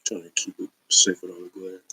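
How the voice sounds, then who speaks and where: A man's voice: low voice, completely flat delivery, a little fast, bright, forceful tone, low-quality recording. A man in a casual, rambling collector's video, talking loosely with slang and plenty of fillers as he shows his finds. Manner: laid-back, slangy, rambling with many fillers. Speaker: comic book collector showing a haul. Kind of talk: casual haul video chat.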